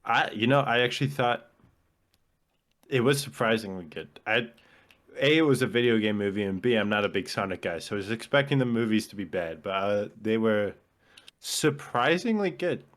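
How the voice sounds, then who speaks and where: Podcast co-host, male, lowish voice, chatty and analytical, goes on at length about craft. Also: a little fast, a bit bright. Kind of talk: casual chat.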